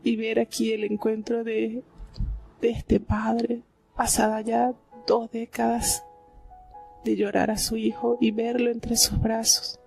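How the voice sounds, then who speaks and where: A woman's voice: fairly high pitch, level tone, slow, vocal fry, a little mellow, faint music behind. A woman from Venezuela, giving heartfelt devotional Bible commentary and often asking her listeners "¿verdad?".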